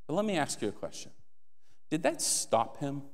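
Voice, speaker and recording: On a church stage, a man in his thirties preaches into a handheld microphone in a sing-song voice on the high side, speaking at normal speed. His passionate sermon swells into emphatic appeals, echoed by a long hall reverb.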